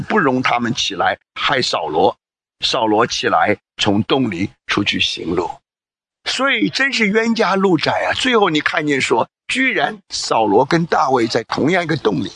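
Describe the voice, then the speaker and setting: A man's voice: medium pitch, big pitch swings, normal speed, a bit bright, breathy edge. A man preaching a sermon, reading scripture aloud and pressing the congregation with emphatic rhetorical questions.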